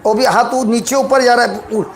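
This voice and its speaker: High-voiced preacher in echoey hall. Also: male voice, steady tone, moderate pace, gravelly. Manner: exhorting, laughing, leads call-and-response. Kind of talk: charismatic sermon leading prayer. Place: large hall with congregation. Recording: echoey hall with crowd noise.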